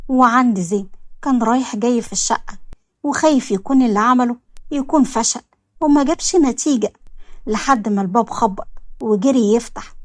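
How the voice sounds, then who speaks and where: A woman with an Egyptian accent narrating a romance story in a plain, steady way. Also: a little high, brisk, no echo, clean studio sound.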